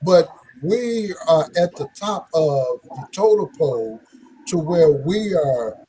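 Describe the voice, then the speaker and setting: A man's voice: fairly high pitch, animated, takes it slowly, warm tone, slight background noise, low-quality recording. A man talking casually in a group discussion, often checking that his listeners follow him. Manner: conversational, often checks for agreement with tag questions.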